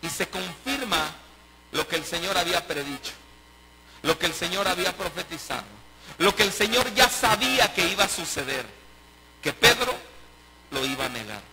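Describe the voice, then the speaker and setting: A man's voice: high-pitched, expressive, moderate pace, pauses often, crowd noise, rough recording. A man preaching a sermon as pastor, emphatic and full of rhetorical questions. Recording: preaching over loud music. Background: loud music.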